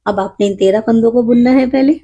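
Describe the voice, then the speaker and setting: A woman's voice: on the high side, brisk, mellow, slightly rough, dull audio. A woman with a cold teaching a knitting tutorial, patiently counting stitches aloud and explaining each step. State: has a cold, voice a bit rough.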